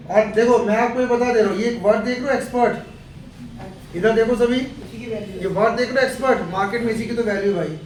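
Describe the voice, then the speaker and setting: A high-pitched man with an Indian accent lectures his students in a chatty, humorous way. He sounds set back from the mic in an echoey classroom with faint room noise. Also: recorded from a distance. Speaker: computer institute teacher.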